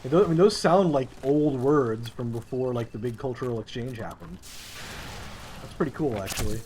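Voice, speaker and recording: A man's voice: mid-range voice, normal speed. A man streaming a game, chatting casually with viewers while he plays. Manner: laid-back, chatting with viewers while playing. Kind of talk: casual gameplay commentary. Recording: loud game noise behind the voice. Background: loud game sounds.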